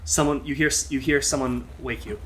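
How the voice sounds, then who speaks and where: Halting male game master narrating. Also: medium pitch. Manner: halting, with frequent restarts and self-corrections. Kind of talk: narrating a tabletop game in second person.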